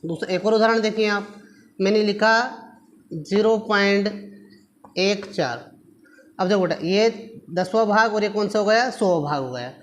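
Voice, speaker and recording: This maths teacher's voice sits high, and he speaks a little slowly, pausing often as he works at the board. He patiently puts rhetorical questions to his pupils, answers them himself, and affectionately calls them children.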